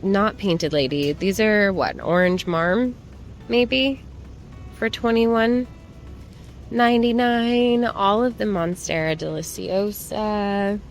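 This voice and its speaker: In a plant shop, a vlogger chats casually to viewers in a shopping haul video, rambling informally as she browses and comments on items. Her mid-range voice is slow and fairly even in intonation, with soft music in the background.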